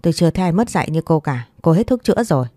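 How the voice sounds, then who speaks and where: A woman's voice: lowish voice, lively intonation, rapid-fire, dry recording, studio quality. A woman voicing an angry young husband who scolds his wife. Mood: scolding. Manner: shouting, scolding.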